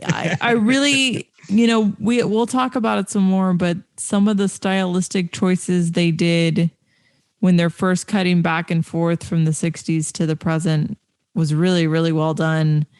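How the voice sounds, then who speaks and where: A woman's voice: lowish voice, fairly even intonation, measured pace, darkish tone, clean tone, dry recording. A woman co-hosting a movie podcast, talking casually and enthusiastically, repeating words for emphasis. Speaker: podcast co-host. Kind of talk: casual movie review chat.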